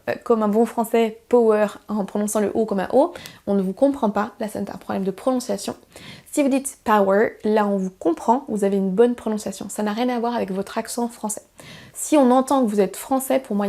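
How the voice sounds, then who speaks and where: A woman's voice: mid-range voice, vocal fry, dark tone. A young woman teaching a YouTube language lesson, explaining at length with frequent fillers and self-corrections. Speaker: English teacher.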